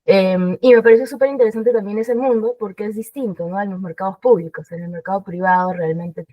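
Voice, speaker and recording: A woman's voice: medium pitch, fairly quick, no room sound, recorded from a distance, lo-fi sound. A Peruvian woman with a Lima accent, chatting as an interview guest with frequent fillers and English business terms. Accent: Peruvian Spanish. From Peru. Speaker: guest, investment director. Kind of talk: casual interview.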